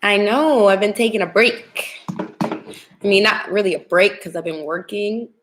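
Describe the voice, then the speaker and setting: A woman's voice: mid-range voice, moderate pace, a bit bright, a little hiss or hum, rough recording. A young woman with a smoky whiskey voice from a cold, chatting casually and informally to livestream viewers as a tarot reader. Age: young adult. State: getting over a cold. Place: home kitchen, indoors.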